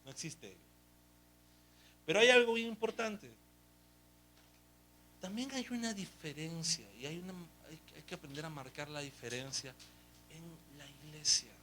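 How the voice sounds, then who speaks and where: A middle-aged man, a pastor, preaching a sermon in a lively, joking way full of rhetorical questions. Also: a little high, unhurried, pauses often, slight background noise. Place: church hall. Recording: echoey room, mic at a distance.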